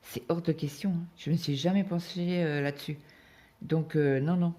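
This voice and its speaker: This craft vlogger is a woman in her fifties with a deep, mellow voice that stays steady at a normal speed. She chats casually while cross-stitching, telling stories full of hesitations and tag words. It was recorded on a phone.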